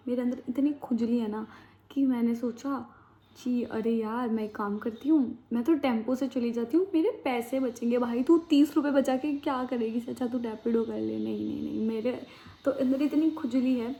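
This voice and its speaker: A woman's voice: on the high side, moderate pace, dark tone. Chatty young woman telling a story. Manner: chatty, slangy, dramatic retelling. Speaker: vlogger. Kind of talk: casual storytime chat. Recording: dull lo-fi sound with faint background noise.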